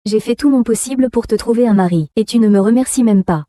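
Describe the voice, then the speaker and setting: Mère âgée qui se lamente et gronde sans cesse, doublée par une femme, voix sombre. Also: female voice, fairly high pitch, fast talker, warm tone, no echo, clean studio sound, lightly acted. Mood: scolding. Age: older. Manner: wailing and scolding. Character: shrill older mother, greedy, melodramatic. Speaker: mother. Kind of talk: dubbed drama.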